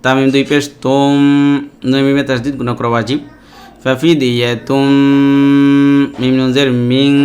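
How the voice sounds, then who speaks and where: A man teaching Quran reading, spelling each word letter by letter and briefly explaining the recitation rules. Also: medium pitch. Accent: Bangladeshi Bengali. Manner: slow, measured letter-by-letter spelling with short rule explanations.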